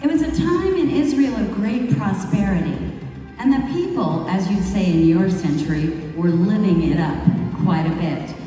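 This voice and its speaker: A woman performing a first-person monologue as a wayward young biblical wife who has become remorseful, telling her story slowly and reflectively with dramatic pauses. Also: mid-range voice, expressive, mellow, lightly acted. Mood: regretful. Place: large hall at a retreat. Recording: echoey hall from far off, faint music.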